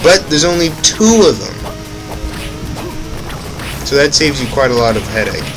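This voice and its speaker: A young let's play commentator speaks a little slowly in a medium-pitched voice with big pitch swings. He rambles about his gameplay, often self-correcting mid-sentence and slipping in offhand asides, while game music plays loudly behind his voice.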